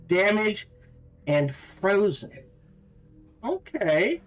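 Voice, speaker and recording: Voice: medium pitch, sing-song, drawn-out words, faint music behind. A game streamer giving casual gameplay commentary, thinking aloud.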